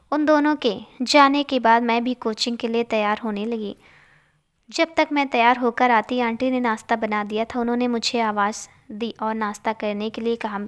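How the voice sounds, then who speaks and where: A young woman narrating a romantic story in the first person, gently and softly. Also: on the high side.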